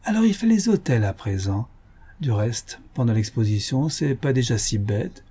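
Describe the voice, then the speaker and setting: A man's voice: mid-range voice, big pitch swings, moderate pace, mellow, slightly rough. A man doing a cheeky, slangy Parisian coquette. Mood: mocking. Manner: teasing, slangy, laughing. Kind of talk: audiobook character voice.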